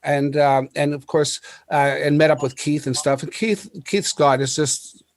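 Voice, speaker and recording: A man with a high, light voice tells his stories with excitement, breaking into laughs and restarting his sentences often. The sound is dry and close, with no room around it. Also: measured pace, no room sound. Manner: animated, laughing storyteller with many restarts. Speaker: podcast host. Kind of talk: casual storytelling chat.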